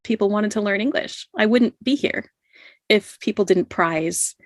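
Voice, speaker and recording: A middle-aged guest tells a podcast host about something from her own life, speaking at an easy pace in a mid-range voice. She laughs a lot and fills gaps with "like" and "you know," and the studio recording is clean with no room sound.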